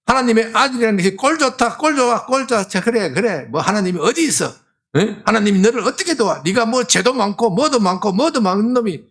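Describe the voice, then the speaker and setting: A scornful, sneering Satan taunts a sinner, as a male preacher puts him on mid-sermon. The voice sits high and swings widely in pitch. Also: animated, fairly quick, a bit bright.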